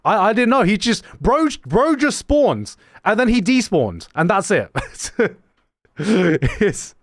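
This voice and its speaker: A young streamer with a high-pitched voice, recorded without echo, chats casually on a livestream and reads messages from viewers. His accent is mixed English with a slight British tinge; he's animated, laughs often and makes many quick restarts.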